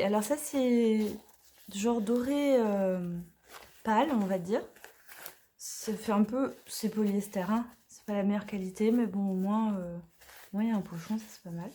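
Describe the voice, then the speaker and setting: A woman's voice: mid-range voice, warm tone. A woman casually unboxing and reviewing an oracle card deck, talking chattily with many hesitations and now and then dropping to a whisper.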